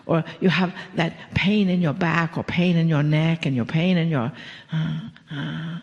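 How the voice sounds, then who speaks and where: A woman channeler addresses a live audience with a slow, drawn-out message, sliding now and then into breathy whispers. Her voice has a gravelly, fry-laden edge. A long hall reverb trails every phrase. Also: low voice, fairly even intonation, dull audio. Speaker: spiritual channeler.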